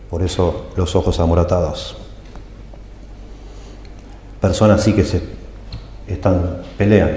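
Recorded in an echoey hall with long reverb, this pastor's sermon explains scripture and emphatically voices its cries. He speaks in a low, warm voice, with a little hiss or hum on the audio.

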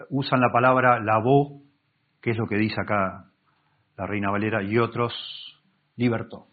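Male pastor, expository sermon, husky voice, narrow phone-like sound, restarts words as he explains. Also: mid-range voice. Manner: reads scripture aloud and explains it, with many self-corrections. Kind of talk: Bible-teaching sermon. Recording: tinny phone-like recording.

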